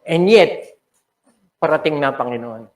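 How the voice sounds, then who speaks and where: A man's voice: fairly high pitch, lively intonation, unhurried. An older man with a Filipino accent, a pastor preaching an emotional, dramatic sermon in a church. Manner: emotional, dramatic preaching mixing English and Tagalog. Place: church sanctuary. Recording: echoey church hall.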